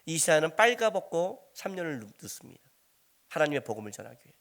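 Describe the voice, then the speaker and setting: A middle-aged male pastor delivering a sermon in a conversational, animated way. His voice sits high and swings widely in pitch as he throws rhetorical questions at the listeners. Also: fast, vocal fry.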